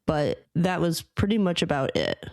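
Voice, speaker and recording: A woman co-hosting a casual sports podcast, talking in a measured, thoughtful way with a few fillers. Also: sits low, huge pitch swings, vocal fry, darkish tone, no room sound. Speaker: podcast co-host.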